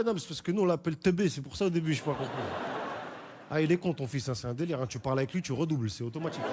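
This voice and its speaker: Stand-up character: a man playing a mocking young street guy, slangy, slightly raised pitch, noisy room. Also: close to an everyday voice.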